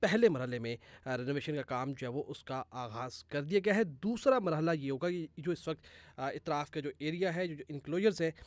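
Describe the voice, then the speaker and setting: Male sports reporter, slightly high voice. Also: no echo. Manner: many drawn-out "aa" fillers between phrases. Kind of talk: on-site news report.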